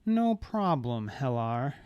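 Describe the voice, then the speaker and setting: A man's voice: mid-range voice, big pitch swings, normal speed, no echo, dull audio. A man voicing a mad woman mage who talks in a chilling, sing-song, playful way. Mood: menacing sweetness.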